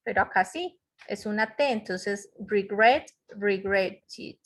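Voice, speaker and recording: Speaking slowly at a medium pitch, this woman teaches an online English grammar class through a computer mic in a web conference. She walks through each step and checks in with her students.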